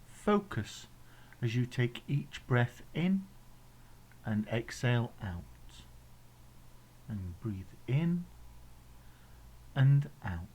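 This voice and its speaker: A man from England leads a guided meditation with an English accent, gentle, soothing and instructional, pausing between phrases. His mid-range voice is husky, and the recording quality is low.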